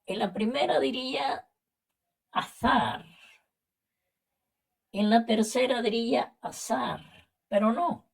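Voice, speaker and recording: A woman from Latin America with a Latin American Spanish accent, teaching a vocabulary and spelling lesson and explaining slowly and carefully with repetitions. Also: fairly high pitch, creaky, darkish tone. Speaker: language teacher.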